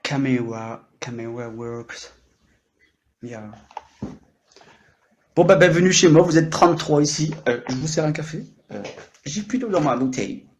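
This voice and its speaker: A talkative man in his late thirties with a French accent and a fairly high voice, chatting into his own microphone on a live stream. He rambles, jumps between topics and teases himself and his viewers. The talk sounds loose and improvised. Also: lively intonation, moderate pace, long pauses, slight background noise. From France. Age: late 30s. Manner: teasing and self-mocking. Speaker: livestreamer.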